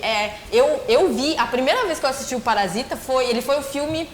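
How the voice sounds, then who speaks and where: A woman with a bright, high voice sits in as guest critic on a casual panel. She talks things through with plenty of fillers. The room is echoey, with a faint hum underneath. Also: lively intonation, a little fast. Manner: chatty, thinks aloud with fillers.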